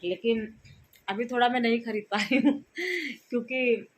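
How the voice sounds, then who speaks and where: A woman's voice: fairly high pitch, lively intonation, measured pace. A woman vlogger in her thirties telling a rambling personal story to her viewers in a casual, chatty way. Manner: chatty, rambling, frequent fillers and restarts.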